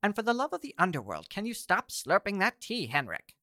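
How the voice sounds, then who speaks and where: A man voicing a fussy female dragon head of a chimera, exasperated and sharp-tongued. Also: medium pitch, normal speed, dry recording, clean studio sound.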